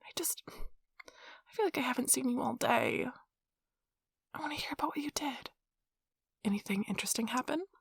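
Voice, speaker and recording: In an intimate ASMR role-play, a woman voices an affectionate, playful, nerdy young girlfriend, breathy and whispery with a tender, teasing touch. Her high voice moves in lively intonation at a moderate pace with long pauses, recorded dry in a full character voice. The mood is soft and coaxing.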